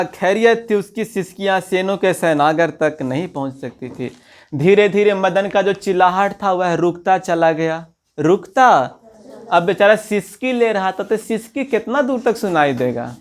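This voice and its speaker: A man's voice: high-pitched, measured pace. A man, teaching as a teacher. He reads a story passage, then retells it in local dialect and asks the listener questions. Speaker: Hindi teacher. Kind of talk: explaining a textbook story line by line.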